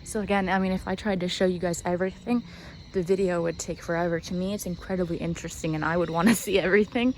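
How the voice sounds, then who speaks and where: A woman filming herself on foot outdoors in a casual vlog, talking into a handheld camera. She is excitable and swears freely, often dropping to a whisper mid-sentence. A faint outdoor hiss sits under her voice. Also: on the low side, quick pace. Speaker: vlogger. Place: outdoor cemetery, walking.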